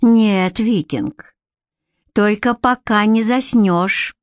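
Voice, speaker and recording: A woman's voice: mid-range voice, very slow, no room sound. Woman reading as Brenna, a defiant captive. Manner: indignant, sharp outbursts. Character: proud defiant captive young woman, fiery tempered.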